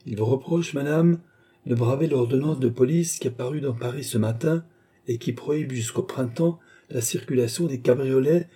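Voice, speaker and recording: A courteous stranger explains the matter calmly and politely, voiced by a man narrating a story. The voice is very dark and husky. The phrasing is measured and civil. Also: medium pitch, pitched above the performer's own voice, close to an everyday voice.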